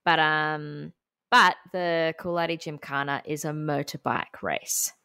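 A woman's voice: low voice, steady tone, unhurried, vocal fry, pushed and bright, clean tone, no room sound, studio quality. An Australian woman co-hosting a podcast, telling a story in a chatty, giggly way. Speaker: podcast co-host. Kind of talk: casual chat.

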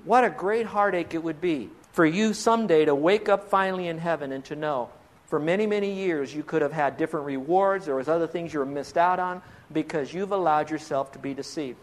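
A male pastor with a notably high voice delivers a sermon. He pleads earnestly and leans on rhetorical questions to press his point. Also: brisk.

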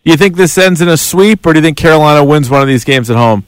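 Male sports radio co-host, smooth voice, dry studio sound, conversational. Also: on the high side, animated, fast, no room sound, rough recording. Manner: conversational, jokey.

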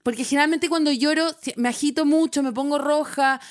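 A woman with a Chilean accent chatting casually as a podcast co-host, telling stories with halting restarts. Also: high voice, fairly even intonation. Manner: rambling storyteller, halting restarts. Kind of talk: casual chat.

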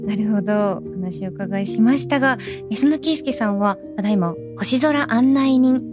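A woman's voice: fairly high pitch, normal speed. A woman hosting a polite interview, courteous and attentive as she responds to her guest and asks questions. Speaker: interviewer, show host. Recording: music playing behind the voice.

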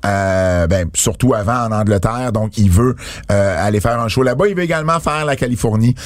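A man's voice: fairly low pitch, a little fast, dry recording, clean studio sound. A man with a Quebec French accent co-hosting a wrestling podcast in casual chat, talking with many fillers and restarts.

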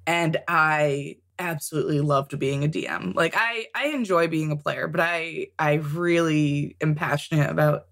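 A woman's voice: sits low, unhurried, hardly any pauses, fairly bright tone. A woman guest in a casual interview, talking about tabletop games, chatty with frequent laughs and ums. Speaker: podcast guest, tabletop game author.

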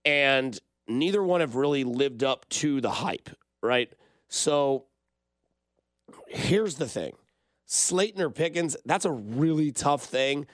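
A man hosting a fantasy football advice show on sports radio, animated and opinionated as he chats with listeners. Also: medium pitch, takes it slowly, no echo. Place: radio studio.

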